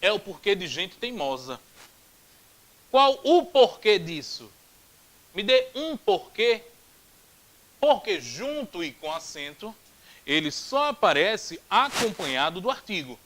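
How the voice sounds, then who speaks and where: A Brazilian-accented man teaching grammar in a video lesson, his voice pitched high and swinging widely. He drills examples aloud over and over and throws in playful jokes. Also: slow pace, long pauses, rough recording. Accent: Brazilian Portuguese. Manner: animated, repeats drills aloud, jokey asides. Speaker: Portuguese teacher.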